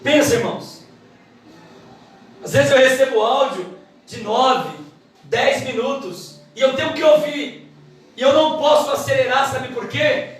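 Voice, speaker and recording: A woman giving a church Bible lesson, quick and emphatic in her delivery. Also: high voice. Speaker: Bible teacher. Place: church hall. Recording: echoey hall, mic from far off.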